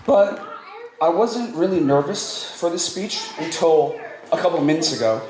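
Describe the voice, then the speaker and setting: A man's voice: a little high, unhurried. A man giving a playful, joking wedding toast as the groom's cousin at a reception. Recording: echoey hall, loud room noise.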